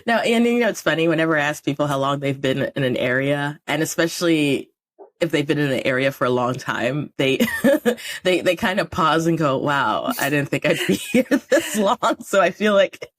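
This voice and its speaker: Brief: woman podcast host with a deep voice, chatty, quick to laugh. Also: lively intonation. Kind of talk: casual podcast interview.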